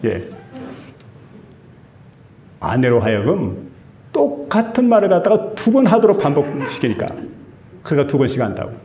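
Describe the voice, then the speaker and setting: A pastor with a Gyeongsang Korean accent preaching a sermon in a church, telling stories and asking the congregation questions. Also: male voice, a little high, very animated, moderate pace, long pauses, warm tone, slight background noise. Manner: storytelling with quoted voices, asks the congregation questions. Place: church sanctuary. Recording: echoey church room.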